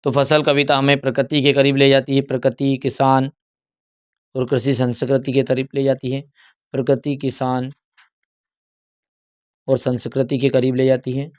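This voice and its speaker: A young adult male teacher, walking through an exam paper and repeating key answers slowly as if dictating. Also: medium pitch, completely flat delivery, smooth, muffled recording.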